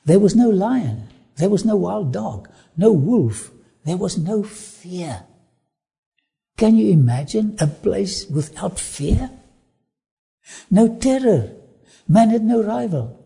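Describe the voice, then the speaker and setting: Slowly and emphatically, a man with an Afrikaans accent presents a travel documentary, leaning hard into each phrase and drifting into sermon-like asides. His voice sits a little high yet sounds dark and husky with a gravelly edge, and his pitch swings widely.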